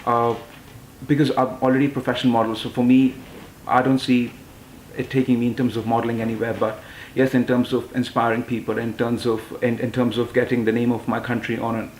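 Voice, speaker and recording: A man's voice: mid-range voice, level tone, brisk, reverberant, slight background noise, low-quality recording. A man in his twenties from London, a pageant titleholder and model, answering interview questions hesitantly with many fillers and restarts. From London, England. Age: 20s.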